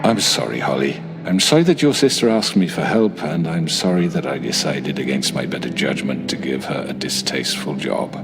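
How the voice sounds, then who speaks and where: An actor playing a smooth, menacing middle-aged crime boss who talks in a patronizing, calmly manipulative way, in a game. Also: male voice, extremely low pitch, moderate pace, few pauses, full character voice. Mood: smooth, needling. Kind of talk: video game voice acting. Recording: game audio over music score.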